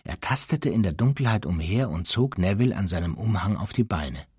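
A man narrating an audiobook in expressive storytelling style, with a husky voice. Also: deep voice, fairly quick, no room sound, clean studio sound. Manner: expressive storytelling, voicing the characters. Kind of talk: audiobook reading.

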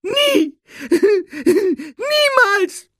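A man voicing a small, servile male house-elf with a piercing squeaky voice who calls everyone sir. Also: very animated, drawn-out words, bright, forceful tone, no room sound, clean studio sound, heavily acted. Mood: sobbing. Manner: calls everyone sir, refers to himself by name.

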